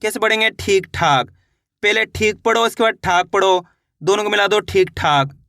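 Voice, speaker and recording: Bright-voiced man teaching reading slowly. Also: high voice, no echo, clean studio sound. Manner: sounds out words syllable by syllable, then blends them; repeats "how will we read it?" before each answer. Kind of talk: online reading lesson.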